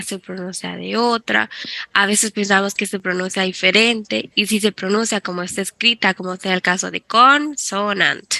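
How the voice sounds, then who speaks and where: Gravelly bright-voiced woman teaching. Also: medium pitch, no echo. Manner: patient, explains step by step, mixes Spanish and English. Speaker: English teacher. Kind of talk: online class explanation.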